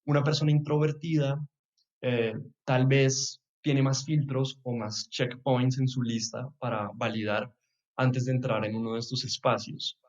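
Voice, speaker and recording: Unhurried and fairly even in intonation, a medium-pitched young man from Bogotá chats reflectively as a podcast guest with a Bogotá Colombian accent. He chuckles frequently and trails off with soft asides, while the recording has its highs cut off.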